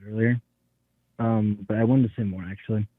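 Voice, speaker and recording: A nineteen-year-old man speaks in an earnest voicemail message, heard through a tinny, phone-like line. His voice sits a little low, and the sound is dry. He talks haltingly and repeats words as he gets his thoughts out. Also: fairly even intonation, dry recording. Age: teens. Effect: voicemail played over a phone line. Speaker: caller leaving a voicemail.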